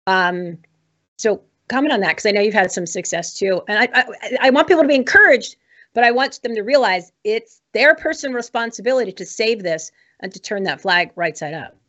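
A woman's voice: medium pitch, brisk, a bit bright. An American woman hosting a political talk show, giving informal commentary in an emphatic, exhorting manner. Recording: dull, muffled lo-fi audio.

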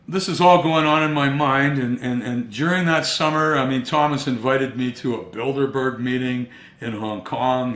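A man telling his own story in a first-person monologue, earnest and emphatic, with dramatic pauses. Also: mid-range voice, a bit bright. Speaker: speaker recounting his own investigation. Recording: roomy echo.

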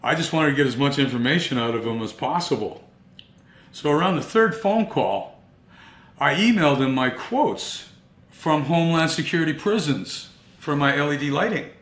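A man telling his own story in a first-person monologue, earnest and emphatic, with dramatic pauses. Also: a little high, animated, fairly bright tone. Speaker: speaker recounting his own investigation. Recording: roomy echo.

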